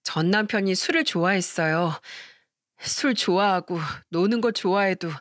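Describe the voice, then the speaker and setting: A woman doing a young divorced mother in a storybook reading, soft-spoken and pleading, close to the narrator's own middle-pitched voice. The recording is dry and close. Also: normal speed, no echo, close to an everyday voice. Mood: tearful.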